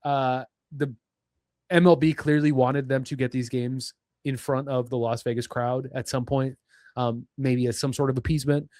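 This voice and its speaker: A man's voice: medium pitch, moderate pace, dry recording, clean studio sound. A young man co-hosting a sports podcast, ranting in casual chat with lots of fillers. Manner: animated, ranting, many fillers. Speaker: podcast co-host.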